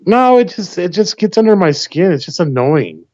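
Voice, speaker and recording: Over dry, dull lo-fi call audio with no echo, a man from the United States chats casually as a call-in guest, pressing his views through rhetorical questions. He has a high-pitched, sing-song voice with a darkish tone and speaks at a normal speed.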